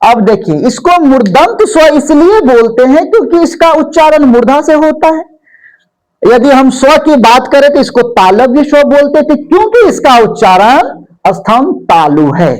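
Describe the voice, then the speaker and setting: A woman's voice: high voice, sing-song, moderate pace, darkish tone, low-quality recording. A woman teaching a grammar lesson, repeating each term and asking and answering her own questions. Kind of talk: classroom lesson.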